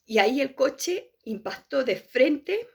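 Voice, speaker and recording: A woman gives a personal testimony, her voice carrying a gravelly fry. She tells it with emotion, often halting and restarting her phrases. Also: sits high, very animated. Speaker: testimony speaker.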